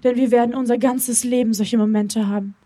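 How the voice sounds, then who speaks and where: A woman reading aloud and voicing a gentle, adoring young man in a romance story, speaking softly and lovingly. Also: on the high side, steady tone, brisk, close to an everyday voice. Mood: tender.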